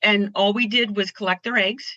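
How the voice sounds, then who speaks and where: A woman's voice: medium pitch, steady tone, normal speed, pushed and bright, no room sound, lo-fi sound. A woman from Pennsylvania chatting as an interview guest, upbeat and rambling with restarts. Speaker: guest artist. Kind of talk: casual interview chat.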